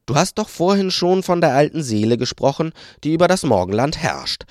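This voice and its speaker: A man's voice: fairly high pitch, big pitch swings, brisk, dry recording, studio quality, pitched above the performer's own voice. A man voicing a curious, eager young girl who asks questions.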